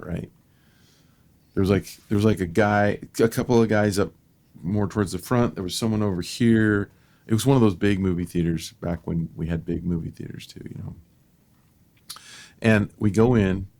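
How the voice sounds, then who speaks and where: A middle-aged man co-hosting a podcast, telling stories in a lively, casual way and laughing at his own tales. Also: sits low, vocal fry. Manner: animated storyteller, laughs at own tales, many restarts. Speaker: podcast co-host. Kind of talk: casual storytelling chat.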